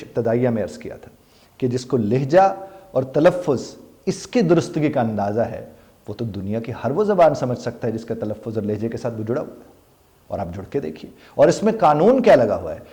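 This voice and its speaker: A man's voice: mid-range voice, warm tone. A male English teacher gives an earnest spoken pronunciation lesson. He asks his students questions and then answers them himself. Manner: slows down to model English phrases carefully.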